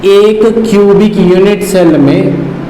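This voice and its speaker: Man, chemistry teacher, high voice, faint room noise, counts aloud, mixes in English terms. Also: slow, warm tone, roomy sound, rough recording. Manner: counts aloud, asks and answers own questions; steps away from the mic to point things out. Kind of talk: online class lecture.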